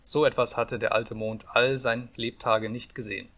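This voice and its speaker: A man reading a fairy tale aloud as an audiobook narrator, calm and measured. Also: medium pitch.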